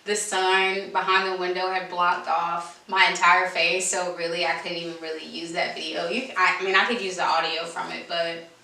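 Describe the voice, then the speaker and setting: A woman's voice: fairly low pitch, level tone, normal speed, vocal fry, pushed and bright. A woman vlogger telling a story casually to camera, informal and emphatic, repeating herself for emphasis, in a roomy, distant recording. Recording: roomy echo, distant microphone.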